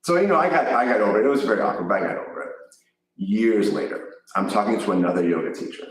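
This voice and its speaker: Deep-voiced man telling a story in an echoey room. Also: animated, fast talker, far from the mic. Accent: Chicago. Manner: rambling, self-correcting anecdote with laughs. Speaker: yoga teacher and co-host. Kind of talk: casual storytelling chat.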